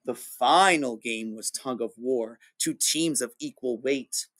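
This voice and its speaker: A man, a teacher, reading a rhyming picture book aloud with an expressive, sing-song delivery. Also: medium pitch, slow.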